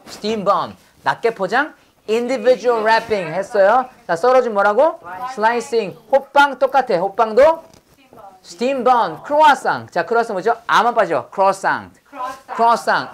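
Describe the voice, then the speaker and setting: A woman leads an English vocabulary drill lecture at an unhurried pace. She says each word again and again and has her students repeat it after her. Every so often she throws in a corny pun. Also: medium pitch. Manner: repeats words and prompts the class to echo them; drops in corny pun jokes.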